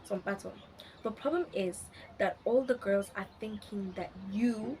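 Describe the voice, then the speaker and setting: A teenage girl telling a school story in a rambling, animated way, full of fillers. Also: mid-range voice, unhurried, a little hiss or hum. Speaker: vlogger. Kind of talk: casual storytelling.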